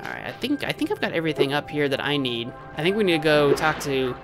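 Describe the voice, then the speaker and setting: A livestream host gives casual, playful game commentary in a medium-pitched voice. The talk rambles and repeats itself, with faint music underneath. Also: huge pitch swings, fast.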